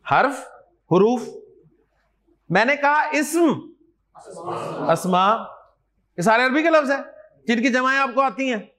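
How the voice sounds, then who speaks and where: A man's voice: very high voice, animated, a little slow, long pauses, a bit bright. A man teaching an Arabic class as a lecture, drilling word pairs with his students in call and response and encouraging them as he goes. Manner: encouraging, addresses students directly.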